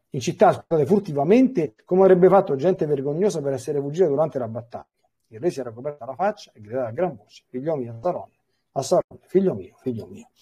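A man's voice: fairly high pitch, mellow, breathy edge. A man, a priest, giving a Bible catechesis, reading passages aloud and stopping for explanatory asides.

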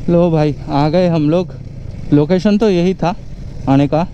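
A young man, chatting excitedly to his viewers while riding a motorcycle through city traffic. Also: on the high side, takes it slowly, highs cut off. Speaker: motovlogger. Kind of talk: casual running commentary while riding. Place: outdoors on busy city roads, riding a motorcycle. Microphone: action camera on the rider. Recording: loud road and engine noise.

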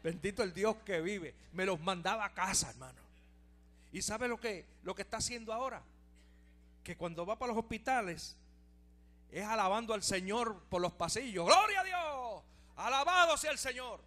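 A man's voice: high-pitched, moderate pace, fairly bright tone. A middle-aged Puerto Rican man preaching a fervent testimony in church, peppering his words with hallelujahs. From Puerto Rico. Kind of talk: evangelical sermon testimony.

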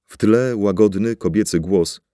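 Deep, dark-voiced male narrator. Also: a little slow, dry recording, studio quality. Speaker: audiobook narrator. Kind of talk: scripted narration.

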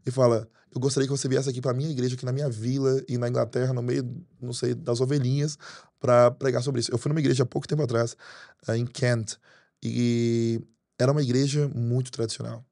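A man in his thirties from Brazil, a pastor telling stories in a podcast interview, quick and animated, at a desk microphone in a studio. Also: mid-range voice, no room sound. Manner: fast storytelling, animated hand gestures. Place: studio with green curtains. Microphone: desk mic on arm.

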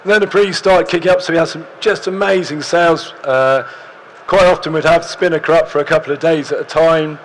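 A young man, slightly hoarse, giving an easygoing stage talk with dry humour in a large hall. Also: a little high, a little fast, a little hiss or hum. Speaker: presenter.

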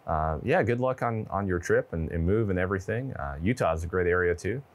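In an indoor studio with a wood-panel backdrop, a man in his twenties casually demonstrates ham radio gear and chats over a handheld radio. His voice is low-pitched, expressive, and brisk, picked up by a lapel mic.

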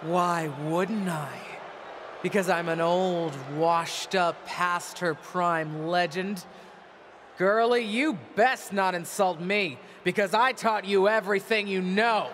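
An actress playing a bitter, proud middle-aged wrestling legend in a video game, delivering a taunting, theatrical wrestling promo. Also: female voice, fairly low pitch, takes it slowly. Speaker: returning wrestler, former champion and manager. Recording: arena ambience noise behind voice.

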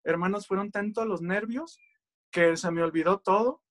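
A man tells his religious testimony in an earnest, heartfelt way. His voice sits high for a man. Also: moderate pace, fairly bright tone. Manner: earnest, addresses listeners as brothers. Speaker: speaker giving testimony.

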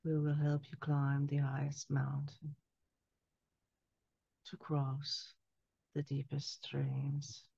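A woman in her sixties speaking as a trance medium, solemnly delivering a spiritual message in measured phrases with long pauses. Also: deep voice, completely flat delivery, vocal fry, dark tone, breathy edge, dry recording. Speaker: trance channeler. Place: small candlelit room indoors. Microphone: headset boom mic. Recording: dull, lo-fi headset sound.

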